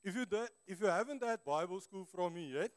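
This preacher speaks in a high, smooth voice, animated and a little fast, his broad South African accent shaped by his native Afrikaans. He gives his sermon informally, earnest and conversational, addressing the congregation directly.

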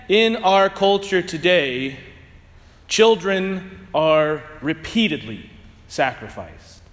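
A man serving as priest, reading the gospel and preaching a homily in a measured, solemn way, his voice ringing with cathedral echo. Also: sits high, a bit bright. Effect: cathedral echo, long church reverb. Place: large church. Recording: long reverb from a large church.

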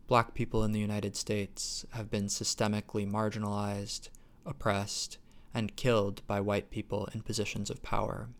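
A male podcast host with a low, gravelly voice that stays fairly flat. He speaks earnestly and pauses on fillers as he frames his questions. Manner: earnest, hesitant with fillers when asking questions. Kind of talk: podcast hosting.

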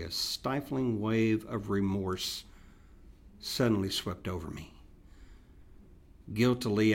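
Slow, tender male reader. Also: on the low side. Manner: tender and remorseful, voice dropping soft on key words. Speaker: podcast host. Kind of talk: dramatic reading of a classic letter.

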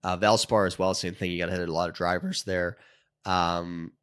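A man's voice: low voice, level tone, moderate pace, fairly bright tone, smooth, dry recording, clean studio sound. A man who is sick, hosting a golf betting show in a loose, casual monologue full of ums. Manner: loose, filler-heavy talk with frequent ums. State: sick, under the weather. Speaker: golf betting podcast host.

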